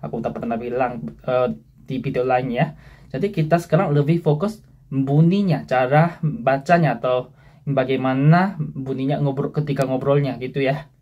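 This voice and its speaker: A Korean man teaches his language in a casual, friendly online lesson, speaking with a Korean accent at a middling pitch. He sounds out example words slowly and says each one twice for learners. The sound is a bit dull and lo-fi. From South Korea. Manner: friendly, addresses viewers as friends.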